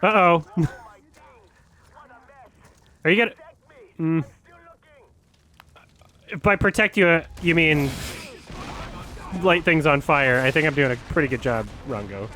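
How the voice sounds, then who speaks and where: A man with a bright, fairly high voice hosts a gaming session. He comments casually as he plays, swearing freely and getting excitable, with joking asides. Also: a little slow, pauses often. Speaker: gaming show host and player.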